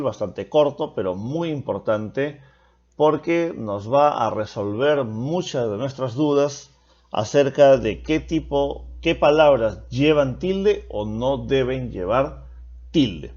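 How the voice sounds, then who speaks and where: A man's voice: medium pitch, a little mellow, highs cut off. A man teaching a recorded grammar lesson, patient and explanatory, repeating key points for his students.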